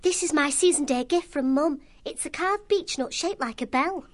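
Young maid creature, very high and eager; male narrator doing her. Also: moderate pace, a bit bright. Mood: sweet.

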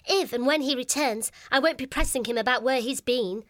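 A woman voicing a kindly young female hare in an audiobook, earnest and gentle. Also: sits high, brisk.

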